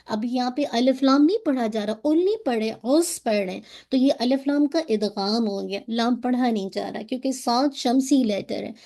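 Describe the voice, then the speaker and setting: A woman teaching Quran recitation on a video call, explaining each sound patiently and modelling words slowly. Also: a little high, warm tone. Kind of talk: online tajweed class.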